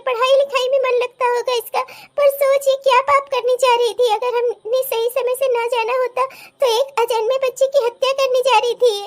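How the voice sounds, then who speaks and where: A woman voicing a distraught widowed mother of two grown daughters in a dramatic cartoon, wailing and scolding. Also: extremely high pitch.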